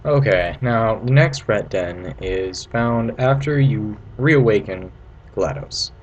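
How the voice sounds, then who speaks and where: This gameplay walkthrough comes from a man whose voice sits on the low side, animated but slow, with soft background music. He's casual and playful, rambling informally, and the homemade recording picks up noise.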